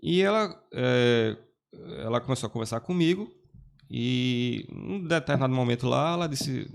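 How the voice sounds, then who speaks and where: Gravelly man in his forties. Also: medium pitch, expressive, normal speed. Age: 40s. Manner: rambling storyteller with many restarts. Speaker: guest. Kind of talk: casual testimony chat.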